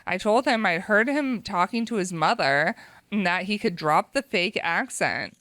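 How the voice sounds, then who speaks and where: A woman's voice: medium pitch, normal speed, no echo. American woman reading stories aloud, dry sound. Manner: animated, laughs often.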